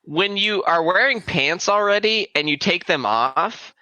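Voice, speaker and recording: A man co-hosting a casual watch-along podcast, animated and laughing often. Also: high voice, a little slow, no echo. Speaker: podcast co-host. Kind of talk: casual chat. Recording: dry, dull lo-fi mic.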